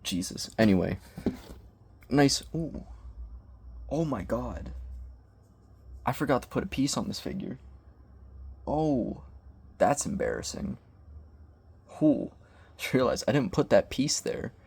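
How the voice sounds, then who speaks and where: A man's voice: mid-range voice, animated, slow pace, vocal fry, long pauses, a little mellow, breathy edge. A young man vlogging from his bedroom, rambling awkwardly and joking at his own expense in loose slang as he reviews a toy. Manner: awkward, self-deprecating, slangy. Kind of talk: casual rambling vlog. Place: bedroom with bookshelves.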